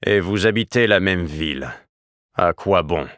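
A man's voice: sits low, measured pace, fairly bright tone, no room sound, clean studio sound. A male reader doing a curt, sarcastic father. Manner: curt, cutting delivery. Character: stern, sarcastic older father. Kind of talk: audiobook character voice.

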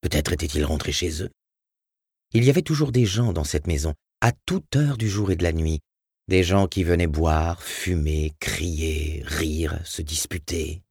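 Deep, husky male narrator. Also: measured pace, no room sound, studio quality. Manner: dramatic, expressive reading. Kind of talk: audiobook narration.

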